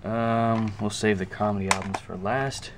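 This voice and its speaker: Showing his music collection to the camera, a man thinks out loud in a relaxed, unscripted, halting way, his voice low and flat. The amateur camera recording carries noticeable noise behind him.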